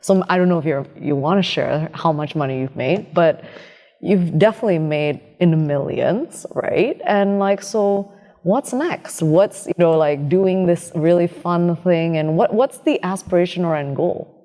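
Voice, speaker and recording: A woman's voice: lowish voice, measured pace, dark tone, long reverb tail. A woman hosting an interview, asking long questions with frequent "right?" tags and fillers. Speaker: company CEO hosting the interview.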